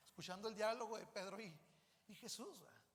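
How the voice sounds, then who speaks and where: A man with a Mexican Spanish accent preaching a sermon as a pastor, telling the story in an animated way with humorous asides and acted-out dialogue. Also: sits high, fairly quick, a little hiss or hum. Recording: long church hall reverb.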